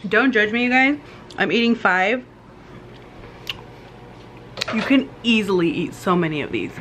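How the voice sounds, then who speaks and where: A woman's voice: medium pitch, lively intonation, fairly quick, background noise. A young woman vlogging casually at a family dinner, giggly and switching between English and Spanish. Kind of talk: casual mukbang vlog chat.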